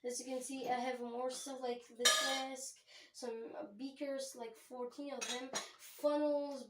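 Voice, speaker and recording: A woman's voice: high voice, little pitch movement, a little slow, heavy background noise. A woman giving a rambling, chatty tour of her home chemistry lab, often correcting herself. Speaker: home chemistry channel host. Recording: echoey room.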